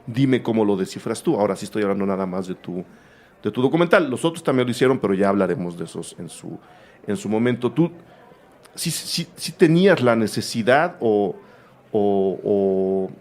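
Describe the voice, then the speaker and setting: A man's voice: on the low side, animated, normal speed, darkish tone. A man hosting a film show, interviewing a director in a chatty way with rambling asides. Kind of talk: casual interview conversation.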